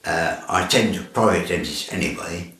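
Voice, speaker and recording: A man's voice: low voice, moderate pace, sharp tone. A man giving personal testimony as a patient about his own care. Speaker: patient sharing treatment experience. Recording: echoey room.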